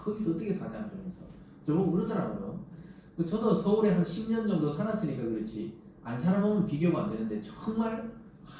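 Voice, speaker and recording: A middle-aged male pastor with a Gyeongsang accent preaches in a chatty, animated way, throwing out rhetorical questions. His voice is mellow and sits a bit high for a man. He is picked up from a distance in a large, strongly echoing church sanctuary with faint room noise. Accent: Gyeongsang Korean. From Gyeongsang region of Korea. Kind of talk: sermon. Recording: very echoey church hall from a distance.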